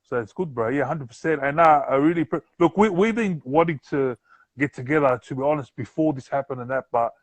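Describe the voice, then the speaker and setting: A man's voice: on the high side, a little fast, no room sound. Laid-back man with a broad Kiwi accent. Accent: broad New Zealand. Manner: slangy, affirming, often says bro. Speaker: podcast host and interviewer. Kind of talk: casual interview chat. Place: remote live-stream call.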